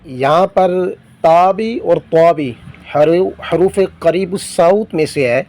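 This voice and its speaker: A man's voice: a little high, a little mellow, no echo. Patient man teaching Quran letters. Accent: Pakistani Urdu. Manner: patient, methodical explaining. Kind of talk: spelling-out lesson, slow drawn-out recitation of letters.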